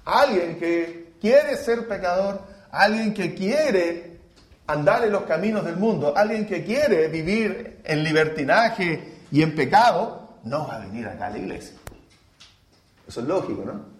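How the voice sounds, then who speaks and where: A man preaching a sermon in a church, slow and dramatic, full of rhetorical questions. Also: sits high, expressive. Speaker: pastor. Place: church hall. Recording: roomy church echo.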